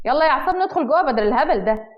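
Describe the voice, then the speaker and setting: A woman's voice: high voice, expressive, very fast, reverberant, pitched above the performer's own voice. A woman voicing a fed-up middle-aged man grumbling about his family. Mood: exasperated. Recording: dull lo-fi.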